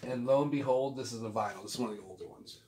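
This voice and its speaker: A forty-something record collecting vlogger talks very fast at a medium pitch, chatting casually to camera in a relaxed, rambling, slangy show-and-tell. He's indoors in a small home room. The mic is distant and roomy, with background noise plainly audible.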